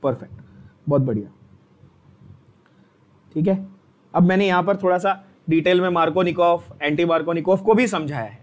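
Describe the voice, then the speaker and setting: A man with a fairly high voice teaches an exam-prep chemistry lesson. He keeps the class on its toes, asking the same question twice and pushing students to answer out loud. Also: moderate pace, pauses often. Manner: drills students with repeated questions; energetic, coaxing.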